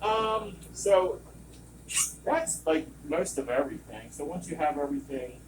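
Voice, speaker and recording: Guy casually explaining lab equipment, kinda rambly, far from the mic, loud machine noise behind him. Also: fairly high pitch, sing-song, measured pace. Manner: informal, rambling, digressing. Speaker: equipment trainer, service technician. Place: room with running lab machinery. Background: loud compressor and vacuum pump noise.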